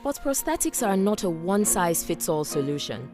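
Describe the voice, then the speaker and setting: A woman's voice: on the low side, very animated, brisk, music in the background. A woman reading scripted narration for a television news feature. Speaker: narrator, reporter.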